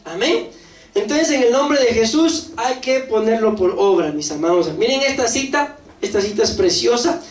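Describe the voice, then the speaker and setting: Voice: medium pitch, moderate pace. Costa Rican pastor preaching in an echoey hall. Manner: lively, asks the congregation questions and acts out quoted voices. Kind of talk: sermon. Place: church hall. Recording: echoey church hall, distant mic, faint noise.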